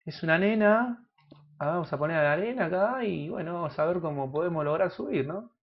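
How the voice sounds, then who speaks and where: A man's voice: high-pitched, expressive, a little fast, husky, dull audio. Crude joking Argentine man gaming. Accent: Argentine Spanish. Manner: crude, joking, swings into loud outbursts. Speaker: gaming youtuber. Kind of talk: casual gameplay commentary.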